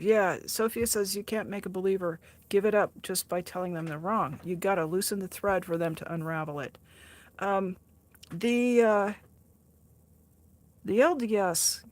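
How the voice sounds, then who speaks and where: Her voice lowish and a bit dark in tone, a woman in her sixties chats on an art livestream and answers viewer comments. She's talkative, laughs often, mocks herself gently, and frequently restarts.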